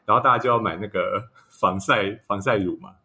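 A man's voice: on the low side, brisk, vocal fry, bright, forceful tone. A man with a Taiwanese Mandarin accent co-hosting a podcast, telling stories in casual chat and laughing often. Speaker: podcast co-host.

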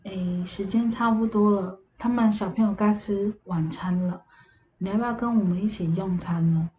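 A woman's voice: mid-range voice, normal speed, dark tone, dull audio, faint music behind, close to an everyday voice. A woman voicing a cold, watchful kindergarten teacher in a spoken ghost story, talking in a clipped, commanding way. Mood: stern.

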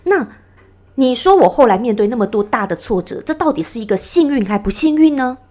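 A woman's voice: on the high side, lively intonation, fairly quick, a little mellow. A woman hosting her own podcast, talking in an earnest, advising way and acting out little scenes as she retells them. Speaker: podcast host. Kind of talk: casual reflective monologue.

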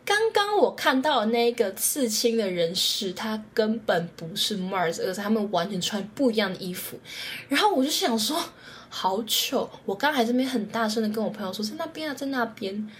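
A young woman hosting her own podcast, telling a story in a casual, animated way, her voice jumping high when she quotes her own excitement. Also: moderate pace, slight background noise. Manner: animated, jumps to high squeals when quoting herself. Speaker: podcast host.

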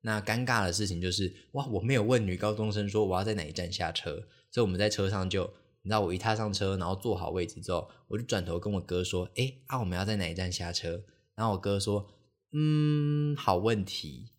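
A man's voice: low-pitched, fast. A young man hosting a podcast, telling a casual, rambling story full of fillers and restarts and acting out the people he quotes. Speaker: podcast host.

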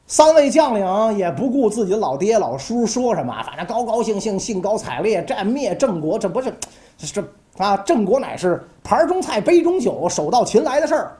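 A man's voice: high-pitched, normal speed. A man telling history in a casual, colloquial podcast style. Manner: animated, colloquial, acts out characters. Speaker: history storyteller.

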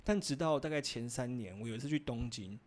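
A man's voice: medium pitch, brisk. A man, chatting casually on a podcast about his drinking habits. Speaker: podcast co-host. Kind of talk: casual chat.

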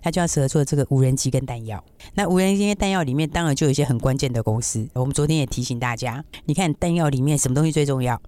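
A man's voice: medium pitch, very fast, dark tone. A man with a Taiwanese accent giving casual market commentary as a stock analyst, explaining things with frequent rhetorical check-in questions.

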